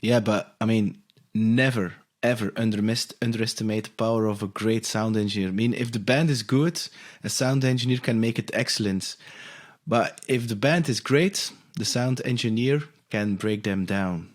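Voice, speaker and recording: A man from Europe hosting a podcast interview in a casual, halting way with frequent restarts. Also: lowish voice. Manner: halting, restarts and hesitant phrasing. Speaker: podcast host.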